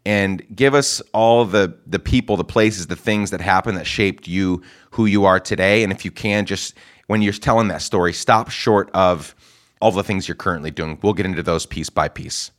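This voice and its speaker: A man's voice: sits low, moderate pace, fairly bright tone. A man hosting a podcast interview, introducing his guest and asking questions in an enthusiastic, affirming way. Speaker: podcast host.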